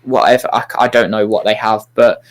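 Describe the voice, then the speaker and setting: A young man talking as a podcast guest in a halting, rambling way, restarting often and swearing casually. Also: lowish voice, level tone. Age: young adult. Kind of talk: casual chat.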